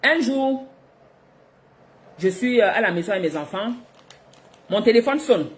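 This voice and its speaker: A middle-aged woman from Africa, telling a personal story to her viewers in a lively, expressive way, laughing between lines. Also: a little high, measured pace. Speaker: vlogger.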